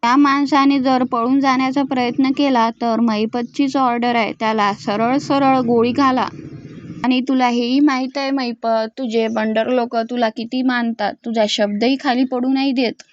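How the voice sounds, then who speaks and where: A woman's voice: fairly high pitch, steady tone, moderate pace, lo-fi sound, natural voice. A woman voicing a scheming man who slyly describes a trap. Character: scheming man bluffing about guards.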